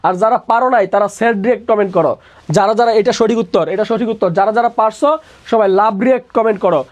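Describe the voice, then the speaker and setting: A man's voice: high voice, steady tone, rapid-fire, a little mellow. A young man, tutoring students for an admission exam. He asks each question again and again and answers it himself, dropping English words into his speech. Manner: repeats each question and answers it himself in a call-and-response drill. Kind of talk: online exam-prep lesson.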